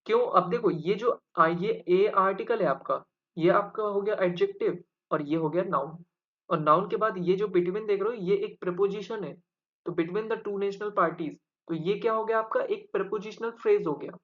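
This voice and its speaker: A man's voice: sits high, moderate pace, lo-fi sound. A man teaching an exam-prep English grammar lesson, explaining step by step and quizzing his viewers with rhetorical questions.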